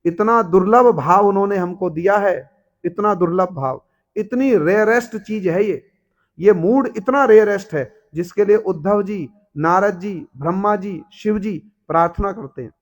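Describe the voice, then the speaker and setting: Man, high voice, devotional storytelling sermon, keeps quizzing the listeners. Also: a little slow. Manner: asks the audience rhetorical questions, acts out characters. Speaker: preacher.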